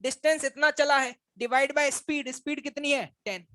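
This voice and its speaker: A man's voice: very high-pitched, steady tone, unhurried, pushed and bright, dry recording. A male physics teacher giving a classroom lecture, quizzing and teasing his students and calling them brothers.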